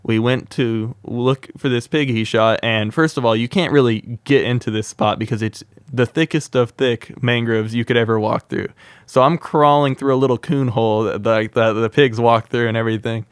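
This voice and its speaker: A young man, known for wildlife content, recounts wild experiences on a podcast in lively, casual storytelling studded with "like." His voice is mid-range and clean-toned, with no echo.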